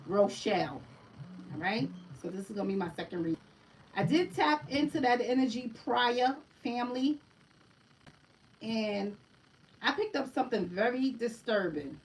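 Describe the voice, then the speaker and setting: During a casual livestream oracle card reading, a woman with a medium-pitched voice chats away, often ending sentences with "right?" and calling her listeners "family." She sits far from the mic, and the audio is poor.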